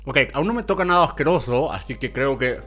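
A young man talking casually to camera, animated and exclaiming as he reacts. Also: mid-range voice, brisk, faint music behind. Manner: animated, exclaims and groans at gross flavors. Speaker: YouTuber. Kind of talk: casual vlog, challenge commentary.

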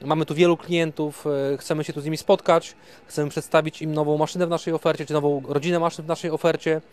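Man, 30s, company rep, flat delivery, hesitant, fillers and restarts, outdoor trade fair, handheld mic. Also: a little high, fast. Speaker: company representative. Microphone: handheld reporter mic.

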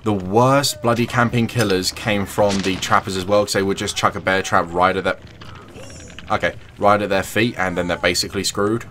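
A man's voice: low voice, fairly even intonation, moderate pace, fairly bright tone, slight background noise. Chatty man commentating a game. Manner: chatty, jokey, taunts opponents in a sing-song voice. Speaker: gaming channel host. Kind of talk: casual gameplay commentary.

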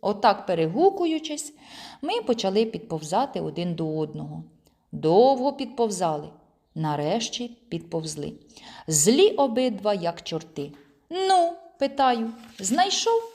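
A woman reading a children's audiobook aloud in an expressive first-person storytelling manner. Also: fairly low pitch, a little slow. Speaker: audiobook reader. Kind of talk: storytelling narration.

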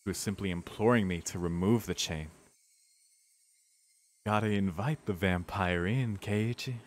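Streaming a visual novel, a man reads the narration with dramatic flair, then slips into casual reactions full of swearing. He has a deep, unhurried voice.

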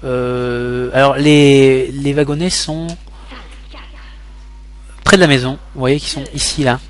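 A man's voice: mid-range voice, steady tone, slow pace. A young man from France talking through gameplay as a tutorial host, rambling with many fillers and restarts. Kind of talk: casual gameplay commentary tutorial.

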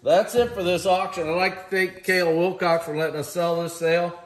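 A middle-aged man with a high-sitting voice and level tone talks a little fast as he presents auction lots. It's a casual, chatty walkthrough in a large warehouse room, recorded on a handheld camera, with plenty of enthusiastic praise for the pieces.

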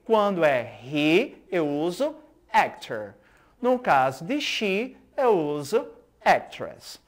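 A woman's voice: fairly low pitch, sing-song, takes it slowly. A Brazilian woman, a native Portuguese speaker, teaching a school TV English lesson, drilling words with repeat-after-me prompts.

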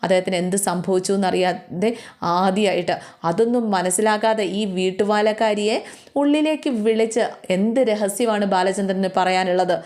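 A woman's voice: mid-range voice, moderate pace, darkish tone, natural voice. A woman playing a bitter, jealous middle-aged wife. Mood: demanding. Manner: scornful, accusing.

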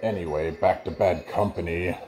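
A man's voice: sits low, fairly even intonation, darkish tone, natural voice. A man playing a sinister, gloating old vampire-like uncle who hosts a show, talking theatrically and breaking into cackles. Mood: menacing. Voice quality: theatrical, cackling laughs between lines. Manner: slow, drawn-out, menacing pontificating. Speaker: show host character. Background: mallet and xylophone music.

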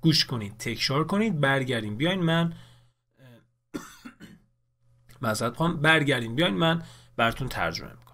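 A man teaching English in a recorded lesson, explaining clearly in Persian and saying the English words slowly. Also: mid-range voice, lively intonation, sharp tone.

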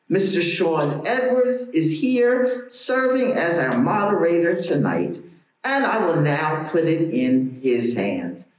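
A woman from Philadelphia hosting a formal event welcome, speaking in a measured, expressive way. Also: lowish voice. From Philadelphia, Pennsylvania. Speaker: event host. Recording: very echoey room.

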